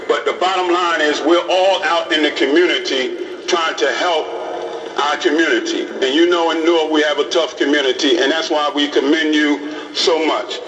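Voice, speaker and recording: Middle-aged imam, fairly high voice, plain-spoken, heard in an echoey hall, mic at a distance. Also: male voice, fairly even intonation, normal speed, fairly bright tone. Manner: plain-spoken, repeats phrases for emphasis. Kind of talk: informal talk to police recruits.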